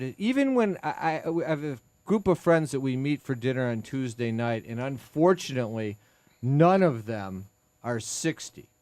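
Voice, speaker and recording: This legal talk radio host, an attorney in his sixties, speaks in a smooth mid-range voice, chatty and poking fun at himself while often restarting sentences. He's recorded dry on a studio mic in a radio studio.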